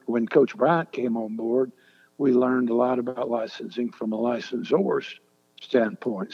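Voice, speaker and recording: An older man telling a long story as an interview guest, halting and deliberate with many restarts. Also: medium pitch, slightly rough. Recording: echoey, dull lo-fi sound.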